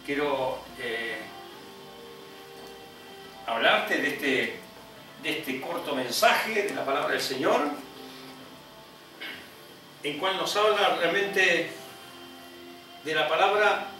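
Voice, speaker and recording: A man, an evangelist preaching a sermon emphatically, often rising high on repeated phrases and adding "¿eh?" asides. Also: lively intonation, takes it slowly, pauses often, sharp tone, faint music behind. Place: church. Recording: echoey hall, heard from a distance.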